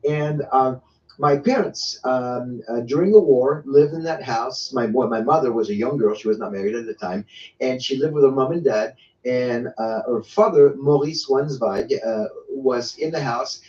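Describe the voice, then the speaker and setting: A man from France in his sixties, with a French accent, gives personal testimony as an interview guest. His mid-range voice has a dark tone, and he falters, halting with many repeated words and restarts. The recording is echoey, distant, and dull lo-fi.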